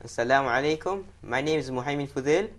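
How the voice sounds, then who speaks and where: A man's voice: medium pitch, fast talker. A fourteen-year-old boy from Malaysia, a talk show guest who often repeats himself mid-sentence. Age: teen. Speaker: young guest.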